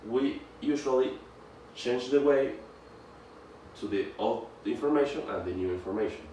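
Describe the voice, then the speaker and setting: A man presenting a grammar lesson, speaking haltingly, restarting phrases and reading example sentences aloud. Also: mid-range voice, warm tone, far from the mic. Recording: echoey room, off-mic, faint background noise.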